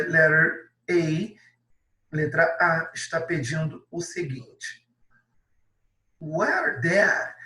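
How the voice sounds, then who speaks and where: Male Brazilian teacher, slightly high voice, patient step-by-step delivery, roomy echo. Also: bright, forceful tone, far from the mic. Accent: Brazilian Portuguese. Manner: patient, explains step by step, adds many tag questions. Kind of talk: classroom lesson correction.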